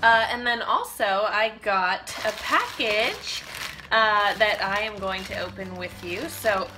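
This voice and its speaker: A fitness vlogger in her thirties chats casually to camera in a home kitchen, thinking aloud while demonstrating products. Her mid-range voice is animated and slow, heard over music through poor audio.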